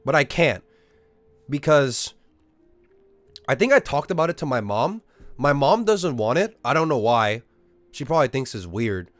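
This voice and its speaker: A man's voice: medium pitch, big pitch swings, a little slow, long pauses, no echo, faint music behind. A young man, ranting in a casual, profane way at his live-stream chat. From Australia. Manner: incredulous, profane, exaggerated ranting.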